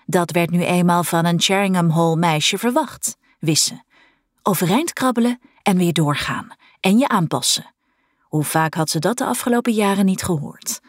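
Breathy, expressive woman audiobook narrator. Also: on the low side, dry recording, clean studio sound. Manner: expressive storytelling.

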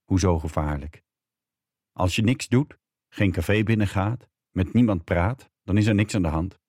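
A storyteller in his own low register plays a middle-aged husband from the provinces who waves away every worry in a flat, matter-of-fact tone. The voice is deep and husky, recorded dry and close. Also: moderate pace, no room sound. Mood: offhand.

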